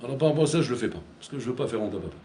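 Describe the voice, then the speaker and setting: A male rabbi teaching in a loose, conversational way, often repeating himself and mixing in Hebrew words as he acts out everyday scenes. His voice sits at a middle pitch. The recording is roomy and echoey, with a faint hum of ambience behind. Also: lively intonation, very fast, warm tone. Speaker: rabbi giving a Torah class. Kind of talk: sermon.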